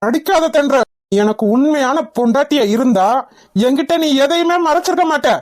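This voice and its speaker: A woman's voice: high voice, lively intonation, normal speed, darkish tone, a little hiss or hum. A woman voicing a hot-tempered young husband in a cartoon, harshly interrogating his wife. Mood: furious. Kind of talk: Tamil cartoon voice acting.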